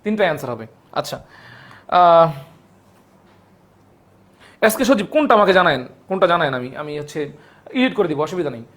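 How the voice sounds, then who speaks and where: Speaking rapid-fire in a fairly high, sing-song, slightly bright voice, a young man from Bangladesh teaches biology live online. He goes over exam questions, says every point more than once and calls out names of commenting viewers.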